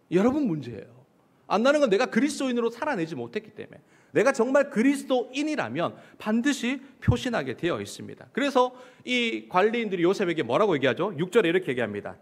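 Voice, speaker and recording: A male pastor delivers a sermon in church, his voice pitched high and moving up and down a great deal. He keeps asking the listeners questions and answering them himself. At times he acts out the quoted lines in a mocking voice.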